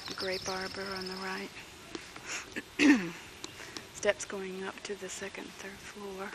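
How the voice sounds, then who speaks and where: Brief: woman narrating a camcorder tour, unhurried and quiet, voice going, loud tape hiss behind her. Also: mid-range voice, completely flat delivery. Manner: slow, soft-spoken pointing out sights. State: losing her voice. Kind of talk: narrating a home video tour. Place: outdoor grounds and buildings of a campus. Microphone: built-in camcorder mic.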